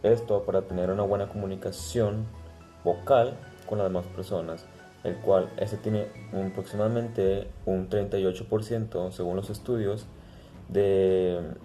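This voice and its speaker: A man giving a class presentation, halting at times with pauses and restarts. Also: low voice, warm tone. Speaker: student presenter.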